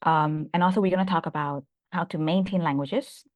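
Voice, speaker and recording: A woman with a slightly low voice hosts a relaxed conversation. She hesitates, repeats small words and often checks in as she goes. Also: normal speed. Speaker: host and language learner. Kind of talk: casual conversational interviewing.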